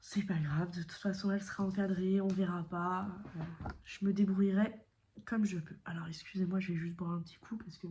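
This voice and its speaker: A woman chatting casually about her cross-stitch work, her voice mellow and unhurried. She rambles with fillers and self-corrections, and now and then drops to a soft whisper. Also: fairly low pitch, steady tone, slight background noise. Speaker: cross-stitch video creator. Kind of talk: casual chat showing stitching projects.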